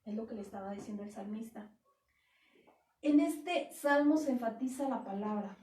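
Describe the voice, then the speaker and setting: Woman pastor, high mellow voice, emphatic sermon delivery, echoey church, distant mic. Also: animated, normal speed. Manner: earnest, emphatic teaching, quotes scripture aloud.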